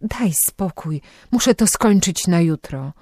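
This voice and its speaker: A woman's voice: on the low side, lively intonation, a little slow, darkish tone, no room sound, studio quality. A woman reading the part of a weary young wife who answers in an unsure, hesitant way. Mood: tired.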